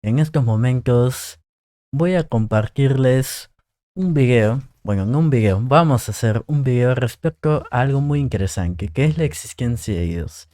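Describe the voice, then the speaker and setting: A man's voice: mid-range voice, expressive, moderate pace, warm tone, no room sound, clean studio sound. A man hosting his channel, introducing a guest and asking questions in a friendly, hesitant way. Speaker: channel host. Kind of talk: conversational interview.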